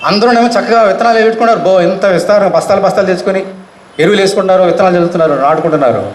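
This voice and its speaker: A male pastor with a Telugu accent preaches at a rapid clip, his voice pitched fairly high. He fires questions at the congregation and calls out to them. The sound carries the echo of a church hall. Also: slight background noise. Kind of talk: sermon.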